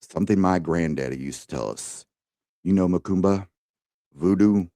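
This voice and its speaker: A man reading aloud as a grim man survivor under siege, grave and measured in a dramatic reading of film lines. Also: low-pitched, warm tone, no room sound, studio quality.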